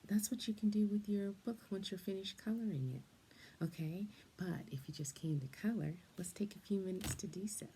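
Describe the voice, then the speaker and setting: An older woman, soft-spoken and meandering, chatting as she colors and often slipping into a half-whisper. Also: low-pitched, gravelly, a little hiss or hum. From England, then Canada and the United States. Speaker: storyteller and coloring host. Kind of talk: gentle chatty storytelling while coloring.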